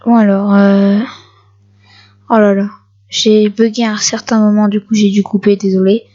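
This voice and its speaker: A woman giving casual gameplay commentary for her video channel, excitable and repeating short phrases at the game. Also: medium pitch, moderate pace, muffled recording. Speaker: gaming video creator.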